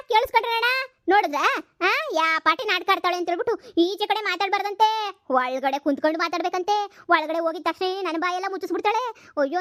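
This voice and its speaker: A woman voicing a loud, combative village mother in a cartoon comedy, scolding rapidly. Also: very high-pitched, dry recording, clean studio sound. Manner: shouting accusations, rapid scolding.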